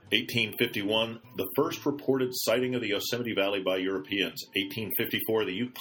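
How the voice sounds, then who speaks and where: A man with a deep, bright, forceful voice reads the week's news for a podcast. He talks into a computer mic with loose, chatty asides and stops to fix his own slips. The delivery is casual rather than polished. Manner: chatty asides, self-corrects with ums.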